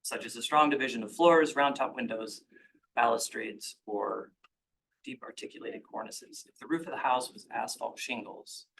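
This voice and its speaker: A man giving formal public comment at a commission hearing, measured and argumentative. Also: mid-range voice, gravelly, a bit bright, slight background noise, poor audio.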